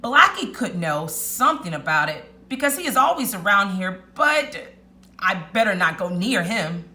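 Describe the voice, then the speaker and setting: In a storybook read-aloud, a woman gives voice to a clever, excitable little male rat, speaking with emphatic, chanting exclamations. Her voice is mid-range and her speed is normal, with a pondering mood.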